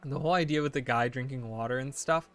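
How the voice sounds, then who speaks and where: While streaming a game, a man in his late twenties chats casually and rambles, thinking aloud, correcting himself, and saying "like" and "you know" constantly. His mid-range voice is fast and fairly bright.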